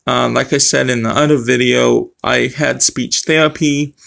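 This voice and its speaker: Middle-aged man, speech impediment with unclear R and W, creaky voice, halting casual vlog talk. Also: medium pitch, fairly even intonation, a bit bright. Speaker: vlogger. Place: small room at home. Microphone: webcam or phone close to face.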